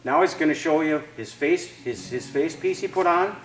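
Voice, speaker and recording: A man's voice: fairly high pitch, moderate pace, echoey room, distant mic, faint music behind, poor audio. A man, a firefighter, patiently explaining gear step by step to children. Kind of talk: fire safety demonstration for children.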